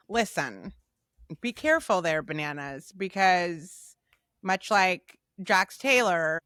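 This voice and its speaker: A woman's voice: on the low side, bright, forceful tone, no echo, clean studio sound. A young woman co-hosting a casual recap podcast, giving emphatic, opinionated takes. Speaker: podcast co-host.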